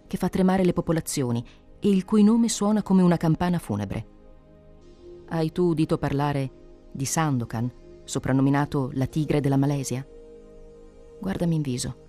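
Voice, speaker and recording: A proud male pirate chief, put on by a reader, passionate and declaiming with fervour in a dramatic storybook reading. The voice is dark and mellow and keeps rising higher and louder. Faint music plays behind it. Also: close to an everyday voice. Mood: grim. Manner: fervent declaiming. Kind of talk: dramatic reading of an adventure novel.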